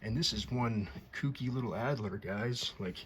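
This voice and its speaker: Casual male restorer, lowish voice, chatty and repetitive, noisy room with typing clicks. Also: moderate pace, fairly bright tone. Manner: rambling, repeats words, enthusiastic. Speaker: typewriter restorer. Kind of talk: casual show-and-tell.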